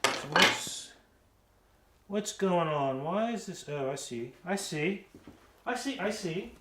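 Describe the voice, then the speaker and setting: A man's voice: high-pitched, lively intonation, slow. A man from the American South with a slight Southern accent, demonstrating woodworking casually and rambling with joking asides. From Southern United States. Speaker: woodworking instructor. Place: woodworking shop. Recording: echoey shop, distant mic, background noise.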